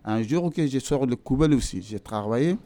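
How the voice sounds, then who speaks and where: A man's voice: mid-range voice, expressive, normal speed, dark tone. A man telling his own story as a worker, animatedly re-enacting past arguments and often repeating himself. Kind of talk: personal testimony.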